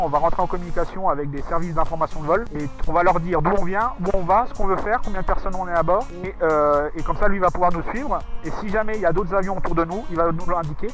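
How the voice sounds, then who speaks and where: A man heard over a pilot headset in a light aircraft, casually commenting on his flight as a pilot and vlogger. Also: a little high. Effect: pilot headset intercom sound. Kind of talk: casual flight vlog commentary and radio calls. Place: small light aircraft cockpit. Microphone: aviation headset.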